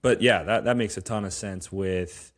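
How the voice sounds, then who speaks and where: Podcast host, late-twenties male, low pitch, enthusiastic and encouraging. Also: normal speed. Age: 20s. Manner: eager, affirming listener with frequent fillers. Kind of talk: casual podcast conversation.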